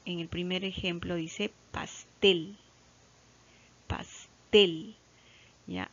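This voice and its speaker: A woman's voice: medium pitch, gravelly. A woman teacher from Peru, with a Peruvian Spanish accent, giving a patient lesson to children and often checking that they follow. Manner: slow and patient, repeats key words, checks with "¿ya?"; stretches out example words loudly. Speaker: primary school teacher. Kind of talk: recorded classroom lesson. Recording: slightly dull lo-fi recording.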